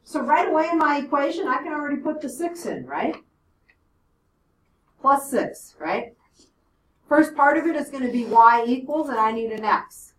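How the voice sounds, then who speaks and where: A woman's voice: sits high, expressive, moderate pace, pauses often, slight background noise. A woman teaching a math lesson to a class, explaining step by step and checking in with "okay?" and "right?". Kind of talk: classroom lecture. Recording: echoey classroom from a distance.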